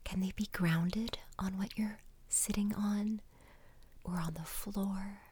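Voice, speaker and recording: A woman guiding a relaxation exercise in a soft, soothing ASMR whisper, breathy and gentle, close to the microphone. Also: mid-range voice, fairly even intonation. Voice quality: breathy, unvoiced. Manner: slow, unhurried instructing with pauses.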